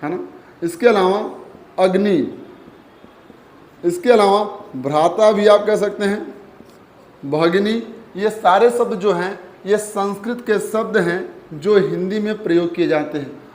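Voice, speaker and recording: A man's voice: high voice, slow, a little mellow. A man teaching a Hindi grammar lesson, calling his students "beta" and "bachche" and repeating each key point. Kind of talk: classroom lesson. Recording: echoey room.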